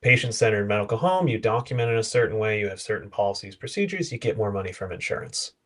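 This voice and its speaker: A man speaking as a guest in a casual panel chat over a video call, explaining with concrete examples and quick asides. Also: fairly low pitch, lively intonation, a bit bright. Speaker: guest consultant.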